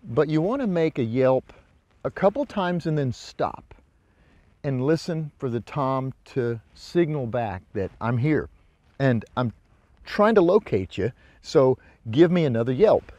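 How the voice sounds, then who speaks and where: Speaking unhurriedly with big swings in pitch, a hunting instructor with a mid-range, slightly mellow voice explains a hands-on demonstration in a folksy, informal style. He's presenting outdoors in the brush by a ravine. The recording sounds muffled and carries a little background noise.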